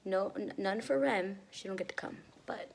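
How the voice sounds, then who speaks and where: A woman's voice: mid-range voice, moderate pace, gravelly, darkish tone. A woman chatting casually to camera for a vlog, slangy and offhand, sometimes dropping into half-whispered asides. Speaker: vlogger. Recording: noticeable background noise.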